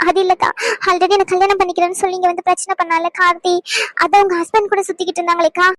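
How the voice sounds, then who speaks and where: A woman voicing a very high, tearful young wife. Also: level tone, very fast, fairly bright tone, dry recording. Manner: pleading, tearful. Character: tearful young wife pleading for her husband. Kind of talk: animated drama dialogue.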